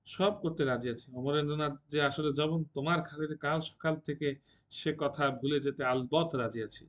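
A man voicing a drunken young male warrior who taunts and mocks in a low, soft voice. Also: fairly even intonation, normal speed, highs cut off, lightly acted. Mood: drunken taunting.

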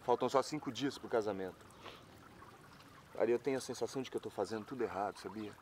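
An actor with a Brazilian accent playing a worried, supportive friend in a telenovela. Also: male voice, fairly low pitch, quick pace, a little mellow, slight background noise, close to an everyday voice. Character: worried, supportive male friend afraid of losing his love. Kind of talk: telenovela acting. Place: outdoors beside a fountain. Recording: splashing fountain water behind voice.

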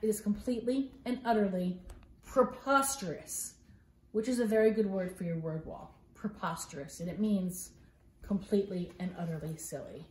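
A middle-aged woman's medium-pitched, slightly mellow voice carries through an animated read-aloud of a children's picture book, delivered playfully and theatrically with mock-exasperated asides. She's in her living room, captured by a phone camera a few feet away with roomy home-video sound.

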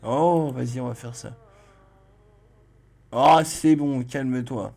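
A man playing a video game and commenting as he goes, reading dialogue aloud and joking, with sudden loud exclamations. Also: medium pitch, takes it slowly, gravelly. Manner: chatty, jokey, exclaims loudly in surprise. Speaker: let's play host.

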